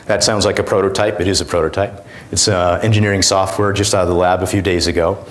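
A middle-aged man with a low voice presents a product demonstration on stage. His delivery is informal and halting, as he talks an audience through each step. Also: level tone. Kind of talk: conference product demonstration talk. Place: indoor conference room, on stage.

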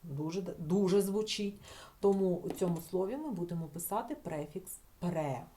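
A woman teacher explaining a grammar lesson, patient and slowing down to sound out each example word. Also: fairly low pitch, expressive, mellow, a little hiss or hum.

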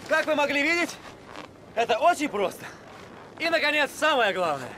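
Excitable high-pitched young vendor. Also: male voice, normal speed, a little hiss or hum, exaggerated voice. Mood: eager pitch. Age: young adult. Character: excitable, clumsy young fairground vendor in love. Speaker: street vendor. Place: outdoor winter park. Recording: film soundtrack with loud music.

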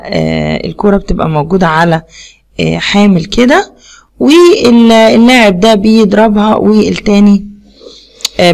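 A woman's voice: medium pitch, gravelly, darkish tone. A woman with an Egyptian Arabic accent teaches young children English words in a recorded video lesson. She says each word twice and quizzes them with simple questions.

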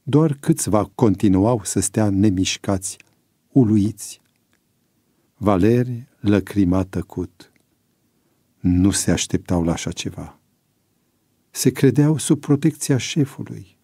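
Male narrator, low and husky, measured dramatic audiobook reading. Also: lively intonation, warm tone, no echo, clean studio sound.

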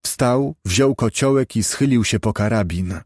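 A man narrating a novel in a steady, measured reading. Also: lowish voice, dry recording, clean studio sound. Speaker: audiobook narrator. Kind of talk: scripted narration.

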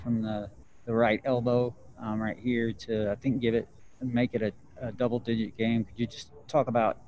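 A man asks the coach a halting question, filling gaps with "um." The sound is dull and lo-fi, with a faint hiss of room ambience behind him. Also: medium pitch, a little mellow. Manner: halting, many "um"s. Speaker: reporter. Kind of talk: press conference question.

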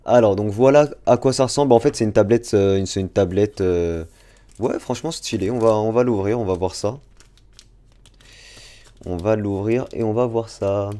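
While unboxing on a live stream, a young drawing streamer talks casually with his audience, addressing chat directly in a chatty way. His voice is lowish and warm, at a moderate pace.

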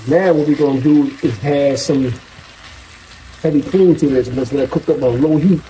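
A man's voice: medium pitch, normal speed, dark tone, slight background noise, rough recording. A man in his forties giving a casual cooking demonstration in a home kitchen, chatty and explaining each step, on a lapel mic. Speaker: guest cook.

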